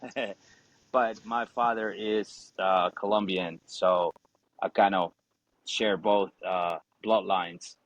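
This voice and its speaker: A deep, steady male voice, slow in pace, on a dry, lo-fi recording. He is an Ecuadorian Spanish speaker in his forties and a Marine veteran, chatting casually as a podcast guest. He's easygoing, swears now and then, and leans heavily on fillers.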